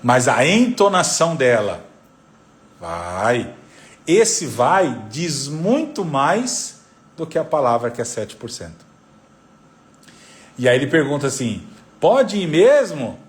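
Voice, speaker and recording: Lively Brazilian-Portuguese-speaking male psychoanalyst teaching. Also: medium pitch, unhurried. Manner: didactic, repeats figures, lively intonation. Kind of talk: live talk on parenting.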